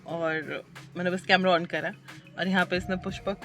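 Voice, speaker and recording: A woman from India vlogging in a casual, chatty way. She mixes English phrases into her Hindi and tries to keep her pace slow and calm. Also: lowish voice, faint music behind. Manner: tries to talk slowly and calmly. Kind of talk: casual vlog chat to camera.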